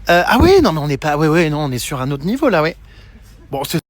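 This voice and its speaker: A man vlogging on his travels, chatty and teasing, excitable, filming on a handheld camera. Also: fairly high pitch, fast talker. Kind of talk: travel vlog narration.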